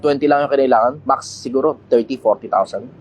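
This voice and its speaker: A man hosting a casual livestream Q&A, talking bluntly, swearing casually and getting loud when he makes a point. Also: mid-range voice, brisk, low-quality recording. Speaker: livestream host answering questions.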